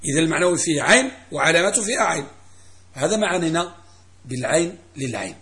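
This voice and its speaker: A man's voice: on the high side, very animated, quick pace, pushed and bright. A middle-aged man teaching a classroom grammar lesson as a religious teacher, quizzing students and repeating key phrases.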